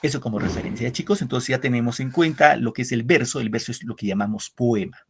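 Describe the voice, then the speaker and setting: A middle-aged male literature teacher giving an online class, explaining slowly with repetitions and frequent "¿no?" checks to his pupils. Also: medium pitch, fairly bright tone, slight background noise. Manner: explains with repetition and asks "¿no?" often; addresses pupils as "queridos muchachos".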